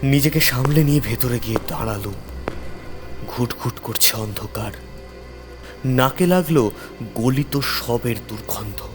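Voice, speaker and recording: A man with a medium-pitched voice narrates a scripted horror story in the first person, using a suspenseful, theatrical delivery. He speaks at a measured pace with long pauses, and music plays beneath his voice.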